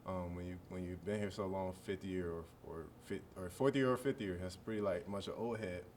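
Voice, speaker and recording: In a relaxed, rambling press answer full of fillers, a college football player in his early twenties speaks in a low voice at a brisk pace. A little hiss or hum sits in the audio.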